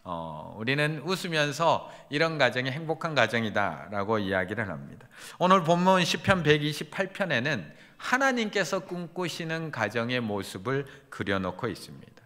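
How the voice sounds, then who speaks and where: A man's voice: medium pitch, very animated, moderate pace, hardly any pauses, pushed and bright. A man preaching a Sunday sermon as pastor, earnest, building emphasis as he goes. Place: church sanctuary. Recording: reverberant church sanctuary.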